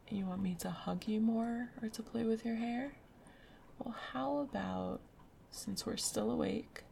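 A woman whispering softly in a gentle, soothing ASMR roleplay as a caring girlfriend. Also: on the high side, vocal fry, a little hiss or hum. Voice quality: soft whispery. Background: rain sounds.

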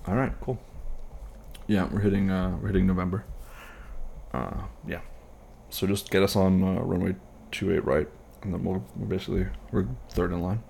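A man playing an easygoing airline pilot, chatting casually and haltingly with a colleague in a one-sided role-play. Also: low-pitched, creaky, mellow, a little hiss or hum. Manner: casual, halting, reassuring co-worker chat.

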